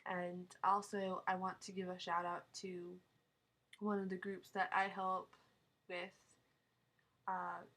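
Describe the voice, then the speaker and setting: A young woman with a sinus cold, her voice nasal, chats casually on a live stream from home in a small town, rambling and laughing as she answers viewers. Her lowish, slightly bright voice is monotone and slow, with frequent pauses.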